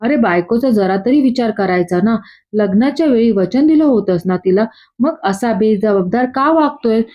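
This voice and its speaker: A woman's voice: fairly high pitch, animated, normal speed, mellow, lightly acted. A woman voicing an angry mother who sternly scolds her son. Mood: scolding. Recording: dull lo-fi.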